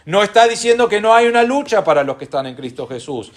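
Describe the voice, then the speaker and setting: Earnest Argentine preacher, higher voice. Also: male voice, very animated. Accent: Argentine Spanish. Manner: earnest, slows down to stress key phrases, asks the congregation rhetorical questions. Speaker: pastor. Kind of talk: sermon.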